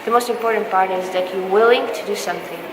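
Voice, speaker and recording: A young exchange student from Belarus talks fast in a mid-range voice with an Eastern European accent, casually encouraging and reassuring listeners as she gives advice. English isn't her first language, and Polish is her second. The recording is from an echoey hall with loud background noise.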